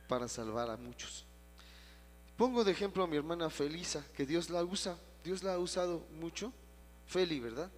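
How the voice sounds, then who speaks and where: A man in his role as pastor, teaching a Bible study to a congregation. His voice sits a bit high and carries a long hall reverb from the church auditorium. He tells stories with animated, emphatic repetition.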